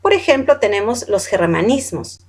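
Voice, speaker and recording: A woman's voice: mid-range voice, very animated, moderate pace, a little mellow. A woman teaching a class, reading out long lists of words one by one, correcting how they are said and asking the students questions. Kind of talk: classroom lecture.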